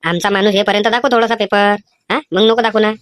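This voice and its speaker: A woman does cartoon voice acting as a cheeky schoolboy trying to cheat on an exam, whining and pleading mischievously in a Vidarbha Marathi accent. Her voice is mid-range and close to everyday speech, with fairly even intonation and a fast delivery.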